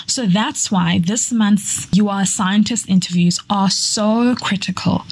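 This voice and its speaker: A woman's voice: mid-range voice, poor audio. A woman hosting a science podcast, reading a scripted intro and then chatting casually with her guest, encouraging and using fillers. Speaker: podcast host.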